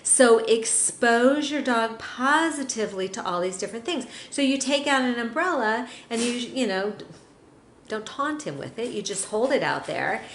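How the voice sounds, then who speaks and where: A woman's voice: fairly high pitch, expressive, moderate pace. A middle-aged woman, a dog trainer, giving chatty, upbeat training advice to dog owners. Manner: upbeat and chatty, acting out pets' thoughts. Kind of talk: instructional talk to dog owners. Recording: roomy echo, faint hiss.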